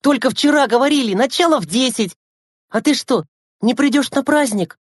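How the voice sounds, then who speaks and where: A woman reading a storybook and voicing young schoolboys, whiny and excitable. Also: fairly high pitch, normal speed, dry recording, clean studio sound, voice pushed up, natural voice. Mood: indignant. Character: young schoolboy brothers, eager and sulky.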